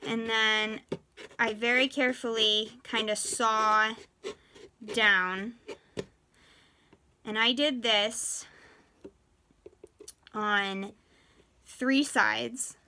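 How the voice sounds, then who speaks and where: A woman's voice: fairly high pitch, fairly even intonation, very slow, long pauses, sharp tone, a little hiss or hum. A woman presenting a craft tutorial for children as an art teacher, in the cheery manner of a kids' host.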